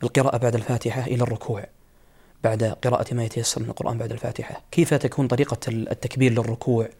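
A man's voice: medium pitch, level tone, rapid-fire, vocal fry, darkish tone, breathy edge. A man hosting a religious Q&A, putting long, hesitant questions to a scholar. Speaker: host.

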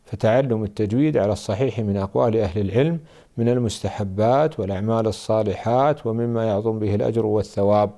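Gravelly, dark-voiced male scholar. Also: medium pitch. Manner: measured, explanatory. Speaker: Islamic scholar. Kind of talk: religious Q&A answers.

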